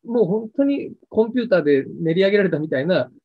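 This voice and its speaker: A man tells stories from his acting career in a fast, animated interview, his pitch high and swinging widely. His voice is husky. The sound is dry and tinny, like a phone line. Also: no room sound. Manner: lively storyteller acting out quoted lines. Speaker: actor interviewed about a past role.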